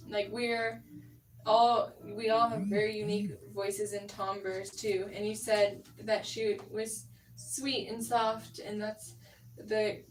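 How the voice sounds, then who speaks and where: A woman's voice: mid-range voice, flat delivery, slow, slight background noise. Patient young woman coaching, echoey room. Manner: patient, explaining technique with fillers. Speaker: vocal coach. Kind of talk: singing lesson instruction. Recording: roomy, distant mic, faint music.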